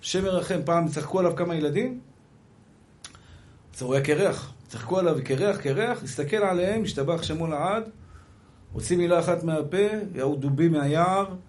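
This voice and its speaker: Man, rabbi, high voice, Breslov sermon, hushed asides, loud repeated emphasis, acted-out dialogue. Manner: swings from soft murmurs to loud emphatic repetition; acts out dialogue in storytelling.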